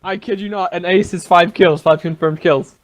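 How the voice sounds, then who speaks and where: A man playing a tabletop game, excitable and swearing freely. His voice sits a bit higher than most men's. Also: normal speed, slight background noise. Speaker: player. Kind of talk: casual tabletop role-play chat.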